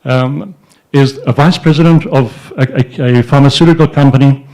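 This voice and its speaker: He speaks at a normal speed with a medium pitch and a steady, darkish tone. The older man is an entrepreneur giving an informal talk at a society event, telling stories into a handheld microphone in an indoor room before a banner, his free hand moving as he rambles with restarts and fillers.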